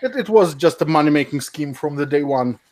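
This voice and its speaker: A man's voice: on the high side, animated, a little fast, a little mellow, poor audio. A man hosting a casual podcast, laughing often and sounding incredulous.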